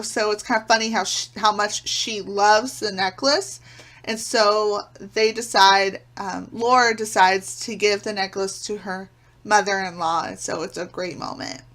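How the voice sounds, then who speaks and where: A woman's voice: a little high, sharp tone. A woman hosting a YouTube video, presenting an enthusiastic countdown review. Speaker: YouTube host. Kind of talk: scripted countdown review to camera.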